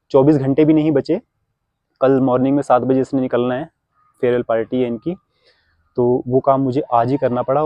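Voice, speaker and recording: A man who vlogs as a father talks casually to his phone camera, preachily lecturing and advising viewers on keeping traditions. His voice is medium-pitched, with no echo, and the recording sounds dry and slightly dull.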